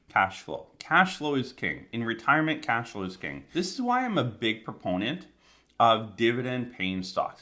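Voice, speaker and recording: A man's voice: medium pitch, sharp tone. A Canadian man giving conversational financial advice to camera, his speech slightly impeded by a numb, swollen mouth after oral surgery. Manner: emphatic, conversational, repeats key phrases. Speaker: financial planner hosting an advice channel.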